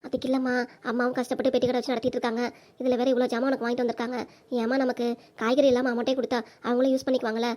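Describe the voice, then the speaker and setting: Give me a woman playing a persuasive middle-aged mother-in-law, southern Tamil accent, high-pitched and quick. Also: flat delivery, darkish tone, lightly acted. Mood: coaxing. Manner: coaxing, persuasive. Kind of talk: cartoon voice acting.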